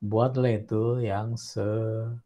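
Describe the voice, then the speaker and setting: A man who is a university lecturer, giving a classroom lecture in an animated way and acting out short student voices as examples. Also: lowish voice, slow pace, highs cut off. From South Sulawesi, Indonesia. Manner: animated, acts out student voices while explaining.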